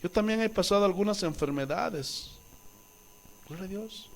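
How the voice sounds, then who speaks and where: A male pastor from Bolivia preaching a sermon, impassioned and swinging from loud exclamations to quiet asides, acting out quoted voices. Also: sits high, normal speed. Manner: acts out quoted voices with wailing and pleading tones.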